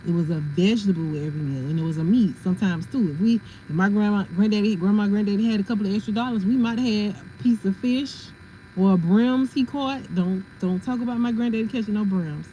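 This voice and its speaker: A woman's voice: medium pitch, quick pace, mellow, dull audio, slight background noise. A woman hosting a casual livestream, chatting and laughing as she answers viewers' comments. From family from South Carolina. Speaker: livestream host.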